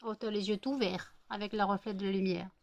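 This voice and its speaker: A woman's voice: medium pitch, steady tone, fairly quick, gravelly, a little hiss or hum. A French woman vlogging at home, chatting and cooing baby talk to her dogs with playful teasing. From France. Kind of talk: casual chat to her dogs.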